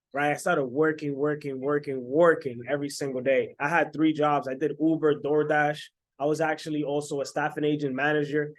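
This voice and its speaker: Upbeat young male business coach. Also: a little high. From Dominican Republic. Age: 20s. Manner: energetic, repetitive, keeps asking "right?". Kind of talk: motivational sales pitch to camera.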